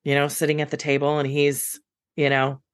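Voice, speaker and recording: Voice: mid-range voice, monotone, moderate pace, clean tone. A podcast co-host chatting casually and backing up the other speaker with frequent short agreements. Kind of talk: casual conversation.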